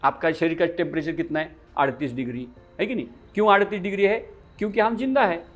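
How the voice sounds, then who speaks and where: A man teaching a yoga class, lecturing in a lively way and putting questions to his students that he then answers himself. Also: a little high, quick pace, faint music behind.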